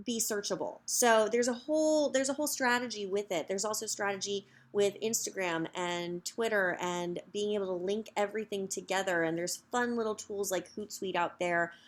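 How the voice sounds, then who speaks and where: Upbeat chatty woman in her thirties. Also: mid-range voice. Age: 30s. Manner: upbeat, chatty, many fillers. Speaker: social media coach. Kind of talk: direct-to-camera sales pitch.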